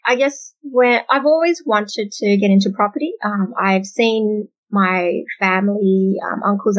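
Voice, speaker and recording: A woman from Australia in her late twenties or thirties, chatting as an interview guest in a relaxed, hesitant way with many ums. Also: mid-range voice. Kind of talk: casual interview chat. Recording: muffled, dull audio.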